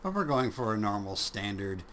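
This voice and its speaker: A man's voice: lowish voice, sing-song, normal speed, fairly bright tone, slight background noise. A man casually narrating a drawing tutorial, rambling and joking at his own expense. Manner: rambling, jokey, self-deprecating, chuckles often.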